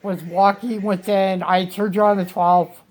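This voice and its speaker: A woman's voice: little pitch movement, normal speed, a little mellow, rough recording. A woman vlogging at home, telling a rambling personal story with many restarts and repeated words. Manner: rambling, repeats words, acts out quotes in a higher voice. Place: her home.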